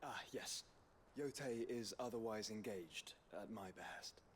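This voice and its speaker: A man playing a composed young nobleman in a video game, formal, measured and quietly commanding. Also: lowish voice, a little hiss or hum, lightly acted.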